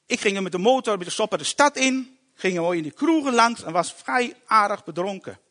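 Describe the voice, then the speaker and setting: A man giving an emotional personal conversion testimony in a halting storytelling way, often restarting his words. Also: high voice, expressive, fairly bright tone. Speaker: testimony speaker.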